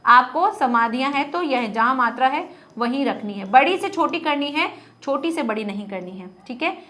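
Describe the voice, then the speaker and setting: A young woman with a high, slightly bright voice teaches a Hindi grammar lesson at a moderate pace, animated and patient in her explanations. She poses questions to the class, answers them herself, and repeats words again and again to model their sound.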